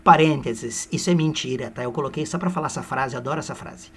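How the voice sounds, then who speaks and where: A man teaching literature by retelling a novel as a lively lecture, with humorous, playful asides to his listeners. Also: mid-range voice, fast, a little hiss or hum.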